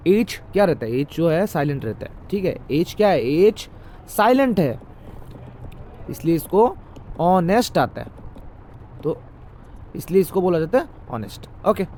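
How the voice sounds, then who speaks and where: A man with a fairly high voice leads a grammar lesson, explaining each rule slowly and asking the listener question after question. Faint street noise sits behind him. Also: very animated, dark tone. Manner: explains by quizzing the viewer with repeated questions. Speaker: English grammar teacher. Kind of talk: classroom-style grammar lesson.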